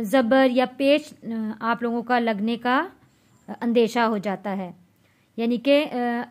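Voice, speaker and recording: A woman teaching Quran reading in a patient, step-by-step lesson, spelling out each letter and vowel mark and then drawing out the syllables. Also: on the high side. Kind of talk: slow step-by-step recitation lesson.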